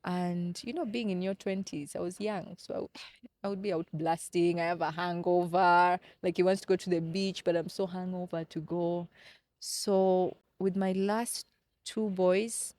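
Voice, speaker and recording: A slightly slow, lowish voice with fairly even intonation and a touch of mellowness comes through on a dry recording. The speaker, a Kenyan woman in her thirties, is a podcast guest telling personal stories earnestly and reflectively, often circling back over words as she speaks.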